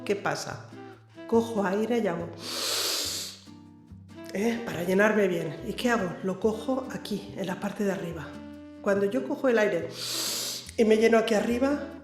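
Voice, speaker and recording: A woman's voice: mid-range voice, a little mellow. A woman teaching a singing lesson, speaking emphatically and directly to the viewer with frequent "¿eh?". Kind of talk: vocal coaching lesson to camera. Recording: echoey room with faint background music.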